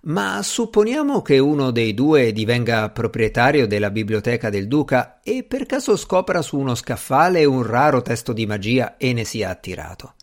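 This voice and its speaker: A man's voice: mid-range voice, very animated, moderate pace, hardly any pauses. A man voicing a fussy, anxious middle-aged magician in an audiobook, fretful and possessive in his pleading. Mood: musing. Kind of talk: audiobook character reading.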